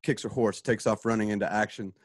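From home on a remote video call, a man with a lowish, fairly flat voice narrates a radio play, casually describing the action and sound cues live as he goes. He speaks a little fast, and the audio is studio quality with no room sound.

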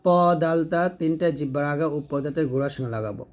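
A man with a slightly high voice leads a Quran reading lesson. He draws out each letter sound slowly and clearly, then explains quickly where the tongue goes. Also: a little mellow. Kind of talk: slow drilled pronunciation lesson.

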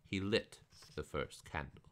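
Deep-voiced man reading a storybook aloud. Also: unhurried. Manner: expressive, theatrical. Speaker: reader. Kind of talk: live read-aloud of a picture book.

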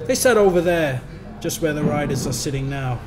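Taking the role of a chatty young pub bartender in a short story, an Englishman tells a local legend in a friendly, matter-of-fact tone. His fairly high voice is animated and brisk, lightly acted, over background music.

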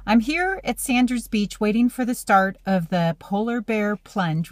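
A middle-aged American woman presents to camera in a promotional vlog style. Her pitch is average for a woman, and the sound is dry, as recorded on a phone inside a car. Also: a little mellow, no echo. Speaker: real estate agent presenting. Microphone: phone at arm's length.

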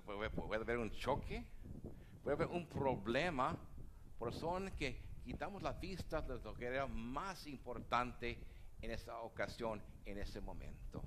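A priest speaks at Mass in a church. His voice sits at a medium pitch. He reads the Gospel, then preaches in a loose, conversational way, with restarts and acted-out asides. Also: noisy background. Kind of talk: Mass reading and homily.

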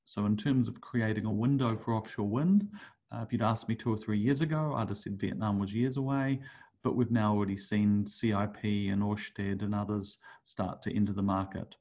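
With a fairly low, warm voice and a steady tone, this middle-aged conference speaker from New Zealand talks at a moderate pace through his webinar slides. He hesitates often, leaning on fillers and restarting sentences.

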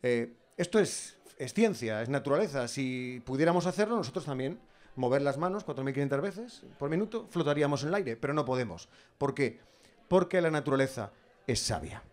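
A man with a Spanish accent from Spain doing a stand-up comedy monologue on stage, animated, with ironic asides. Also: mid-range voice, a little fast.

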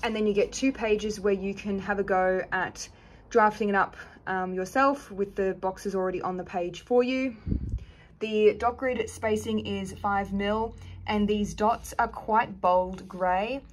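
Woman doing a laid-back planner book review, chatty and blunt, mid-pitched voice, bit of faint hiss. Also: fairly even intonation, unhurried. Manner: chatty, frank, hedges opinions. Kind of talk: casual review chat.

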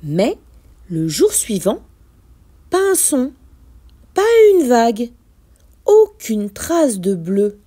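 A woman teacher reads a children's picture book aloud, taking her time. Her voice is high and lively in pitch, with a warm, mellow tone. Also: breathy edge. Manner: slow, expressive reading. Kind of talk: storybook read-aloud.

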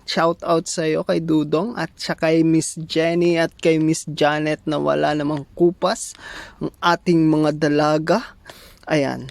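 A woman's voice: deep voice, little pitch movement, takes it slowly, gravelly, a little mellow. Playful chatty woman vlogger. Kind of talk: casual party vlog commentary.

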